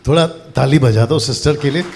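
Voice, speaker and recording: A man preaching a lively sermon to a church audience, quizzing the crowd and repeating phrases for emphasis. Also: medium pitch, a little fast. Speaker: pastor. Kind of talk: lively sermon to a live congregation.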